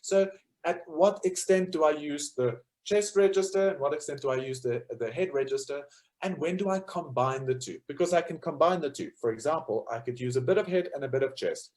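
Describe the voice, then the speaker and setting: A man's voice: fairly high pitch, a little fast, darkish tone. A man giving an informal lecture on choral music, explaining step by step with frequent fillers. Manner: explanatory, thinks aloud with fillers. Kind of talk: informal lecture with sung demonstrations.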